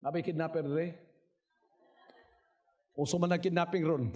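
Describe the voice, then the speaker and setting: A man preaching a sermon in Taglish, repeating words for emphasis, swinging from quiet asides to shouted cries, and firing questions at his congregation. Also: a little high, steady tone, normal speed. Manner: asks the crowd rhetorical questions. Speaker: pastor.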